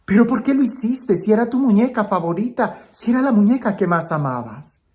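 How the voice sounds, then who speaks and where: A man's voice: high voice, expressive, a little fast, darkish tone, voice pushed up. A man voicing an alarmed father who demands answers in a raised, urgent voice.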